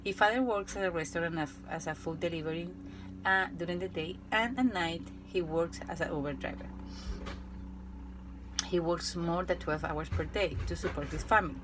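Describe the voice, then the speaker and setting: Woman, Colombian Spanish accent, low voice, teacher, careful halting reading, restarts and fillers, faint background ambience. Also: noisy background. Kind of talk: reading a prepared case report.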